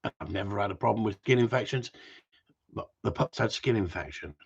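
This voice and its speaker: A man's voice: fairly low pitch, a little fast, gravelly, husky. A man who chats to viewers in a rambling, casual way and swears freely. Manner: swears a lot, jumps between topics, loud outbursts. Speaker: gundog breeder livestreaming. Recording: dull lo-fi home stream.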